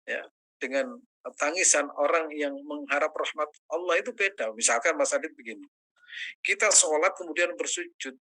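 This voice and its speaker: A man teaching as an ustaz in a religious study session, answering questions, quoting Arabic prayers and rising high in pitch when stressing a point. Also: sharp tone, low-quality recording.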